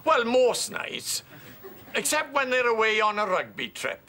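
A man's voice: very high-pitched, very animated, unhurried, bright, forceful tone, slight background noise, exaggerated voice. An actor playing an eccentric older Welsh father-in-law in a sitcom, rambling and teasing. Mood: chatty. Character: eccentric old Welsh grandad, nosy and dotty. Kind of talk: sitcom acting.

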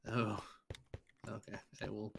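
Gravelly laid-back gamer guy. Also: lowish voice, level tone, takes it slowly, background noise. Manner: laid-back, swears often, laughs a lot. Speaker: Minecraft player on voice chat. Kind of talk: casual gaming chat.

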